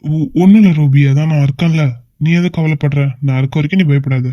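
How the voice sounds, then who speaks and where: A woman voicing an affectionate young husband in a cartoon, who coaxes and gently teases his wife. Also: sits low, fast, no echo, highs cut off, natural voice. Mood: reassuring. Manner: coaxing and gently teasing. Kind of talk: amateur cartoon voice acting.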